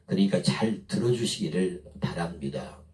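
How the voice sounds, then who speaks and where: A man with a Chungcheong Korean accent giving a folksy, impassioned speech that swings between a slow dialect drawl and fiery oratory. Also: low-pitched, expressive, darkish tone. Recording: echoey, mic from far off.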